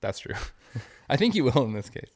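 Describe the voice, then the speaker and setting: A man's voice: medium pitch, very animated, moderate pace. A man co-hosting a casual sports podcast, rambling with many fillers and restarts. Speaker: podcast co-host.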